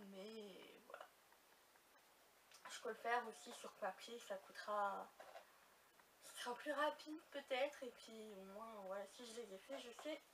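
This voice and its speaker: A young beauty vlogger with a slightly high, somewhat bright voice chats casually to her viewers while unboxing. She uses lots of fillers and little asides. The mic sounds slightly distant, with faint noise.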